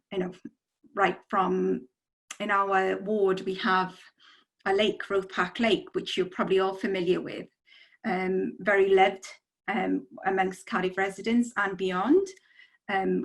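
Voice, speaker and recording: A woman's voice: medium pitch, creaky, fairly bright tone, rough recording. A middle-aged woman from Bangladesh, a city councillor, speaking on a video call panel in a rambling way full of ums and you-knows. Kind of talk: panel discussion.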